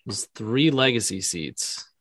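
A man's voice: fairly low pitch, lively intonation, slow, fairly bright tone, no room sound. A man appearing as a guest on a casual podcast, speaking plainly and matter-of-factly. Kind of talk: casual chat.

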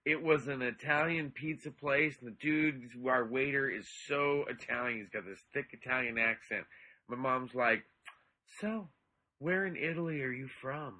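A man co-hosting a casual comedic podcast, rambling and filling pauses with ums and uhs. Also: mid-range voice, sharp tone, poor audio. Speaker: podcast co-host.

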